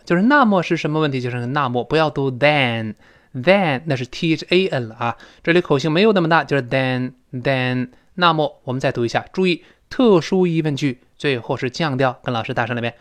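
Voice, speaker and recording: Man, English teacher, slightly high voice, animated, stretches out model phrases. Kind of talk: spoken English lesson.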